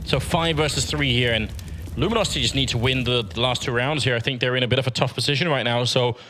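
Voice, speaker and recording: A man's voice: medium pitch, quick pace, pushed and bright, slight background noise. A man casting esports, giving conversational analysis of the match.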